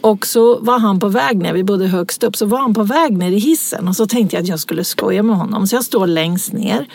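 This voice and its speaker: A woman's voice: medium pitch, creaky, darkish tone, slightly rough. A woman in casual chat, telling personal stories and laughing as she talks. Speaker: podcast co-host.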